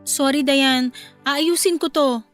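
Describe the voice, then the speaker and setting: Brief: a desperate, meek mother in a radio play; high-pitched and apologetic. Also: fairly even intonation, slow, faint music behind. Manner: meek and apologetic, then crying and shouting. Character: desperate mother working as assistant, pleading. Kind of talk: radio drama acting.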